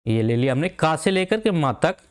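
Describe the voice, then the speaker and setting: A man teaching an online exam-prep lesson, explaining step by step and repeating example words slowly. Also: on the high side, big pitch swings. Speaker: Hindi teacher.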